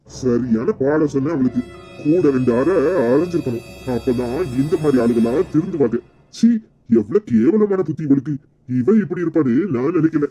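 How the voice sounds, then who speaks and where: A man's voice: mid-range voice, moderate pace, mellow, soft background music, lightly acted. A man voicing a scheming middle-aged village uncle in a cartoon comedy, with a Kanyakumari Tamil accent and a sly, tattling manner. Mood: self-righteous. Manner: sly, tattling, self-righteous.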